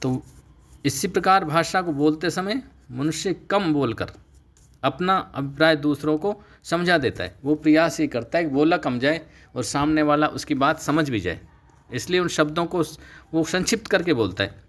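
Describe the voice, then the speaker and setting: A middle-aged man teaching a Sanskrit class, explaining steadily and slowing down to stress key terms. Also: a little high, expressive, fairly bright tone. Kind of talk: recorded online lecture.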